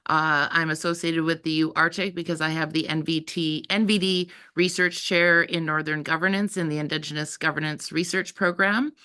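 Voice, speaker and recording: A Canadian woman introduces herself informally as an academic panelist on a video call. Her voice is slightly low, with a bright edge and a smooth, clear tone. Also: fairly even intonation, moderate pace, few pauses. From Saskatchewan, Canada.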